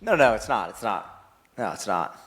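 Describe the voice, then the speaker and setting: A man's voice: lowish voice, sing-song, normal speed, fairly bright tone, husky. A man hosting a sports podcast, teasing his co-hosts in casual banter. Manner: joking, teasing. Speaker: podcast host.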